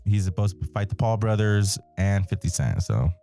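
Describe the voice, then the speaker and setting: A young man with a low, mellow voice hosts a casual podcast chat. He laughs a lot and swears freely, keeping things loose and joking. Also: sing-song, moderate pace, vocal fry, soft background music. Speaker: podcast host.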